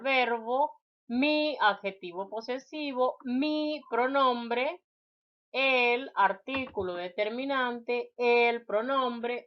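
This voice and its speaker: A woman's voice: on the high side, lo-fi sound. A woman teacher giving a spelling lecture, reading out word lists and addressing her students directly.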